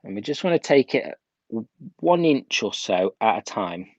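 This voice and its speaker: A man's voice: on the low side, big pitch swings, normal speed, dry recording, dull audio. A man working as a hairdressing instructor gives an informal, step-by-step live tutorial, repeating key points for emphasis. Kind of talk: live video tutorial, casual step-by-step demonstration. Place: indoors at home.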